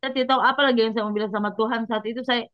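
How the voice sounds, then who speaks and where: A woman's voice: on the high side, steady tone, rapid-fire, dry recording. A woman evangelist giving an earnest personal religious testimony, speaking straight to her listeners. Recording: dull lo-fi dry sound.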